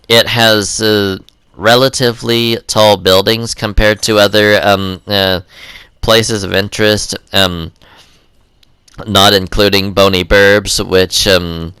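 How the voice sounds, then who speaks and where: A man's voice: lowish voice, sharp tone, smooth, no echo. A young man giving casual gameplay commentary in a rambling way, full of ums and uhs.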